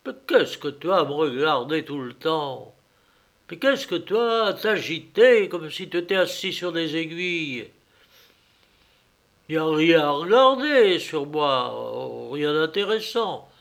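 A man's voice: a little high, creaky, full character voice. A man doing a nervous, blustering traveler. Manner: anxious, fretful muttering. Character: cowardly land surveyor, blustering then pleading.

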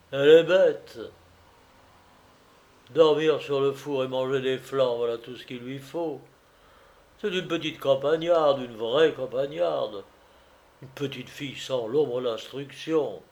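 A man's voice: medium pitch, slow, long pauses, darkish tone. A man voicing a vain, touchy young male clerk in love, talking in a fretful, self-important way. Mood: piqued. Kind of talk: audiobook reading.

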